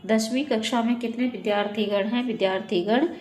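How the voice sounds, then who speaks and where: A woman's voice: a little high, fairly even intonation, a little fast, darkish tone. A woman teaching Hindi grammar in a methodical way, reading each sentence and then correcting it. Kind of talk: online exam-prep lesson.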